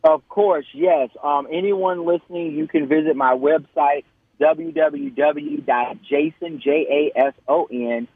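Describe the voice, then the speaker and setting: A man, a political candidate speaking earnestly and in a measured way as a radio guest. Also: on the high side, dry recording. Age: 30s. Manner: measured, spells things out slowly, earnest. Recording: tinny phone line.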